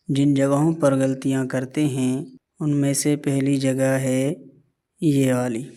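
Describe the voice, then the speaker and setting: A man teaching Tajweed, explaining each mistake patiently, repeating corrections, and reciting verses slowly and carefully. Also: mid-range voice, warm tone. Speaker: Quran teacher. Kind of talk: Tajweed lesson.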